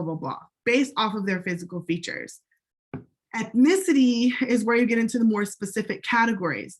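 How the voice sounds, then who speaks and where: An American woman, a sociology instructor, gives a recorded college lecture in a conversational style. Her voice is mid-range and a bit bright, and she often checks in with "right?" and fills pauses with "um."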